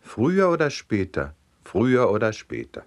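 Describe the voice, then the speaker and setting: A man's voice: lowish voice, wildly swooping pitch, moderate pace, vocal fry, heavily acted. A man voicing a strict, irritable middle-aged judge who blusters and later mocks with false friendliness. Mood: mocking.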